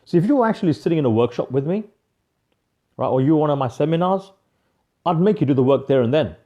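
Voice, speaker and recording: A man giving an energetic live motivational coaching talk, emphatic, repeating key phrases and calling viewers by name. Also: on the high side, fast talker.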